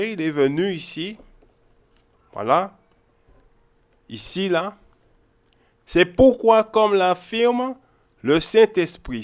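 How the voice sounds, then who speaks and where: Guy teaching bible study, kinda high voice, repeats stuff a lot, keeps going ok? hein?. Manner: repetitive, emphatic, keeps checking in with "ok?" and "hein?".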